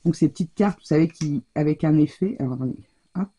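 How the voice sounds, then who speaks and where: A woman's voice: sits low, fast, mellow, husky. A woman hosting a craft channel, chatting as she opens her mail at home and gushing over each card between lots of little fillers. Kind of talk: casual chat opening mail. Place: home craft room, shutter half closed. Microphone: overhead table camera.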